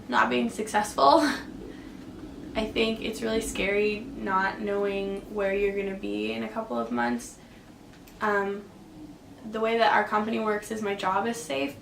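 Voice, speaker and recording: A young Canadian woman who works as an air traffic controller answers viewer questions in a casual Q and A vlog, chatty and full of fillers and "likes." Her mid-range voice has vocal fry and is a bit bright. The room is echoey, with a faint hum in the background.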